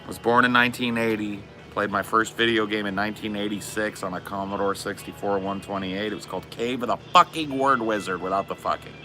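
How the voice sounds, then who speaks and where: A man's voice: on the low side, fairly even intonation, fairly quick, hardly any pauses, sharp tone, soft background music. A man in his forties chatting casually on a live stream, laid-back and slangy, swearing often. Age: 40s. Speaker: streamer reading chat.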